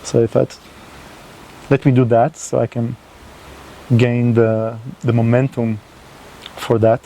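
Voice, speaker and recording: Speaking slowly in a level, gravelly yet mellow mid-range voice, a man hosts his own channel and addresses the camera without a script in a language that isn't his native one. His delivery is hesitant, full of fillers and restarts, and the poor audio has slight background noise.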